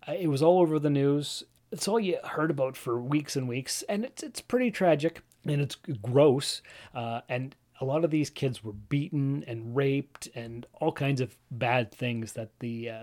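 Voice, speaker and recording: This casual solo podcast is hosted by a Canadian man in his forties who rambles, uses frequent fillers and restarts, and addresses his audience directly. He has a mid-range voice that is a little mellow.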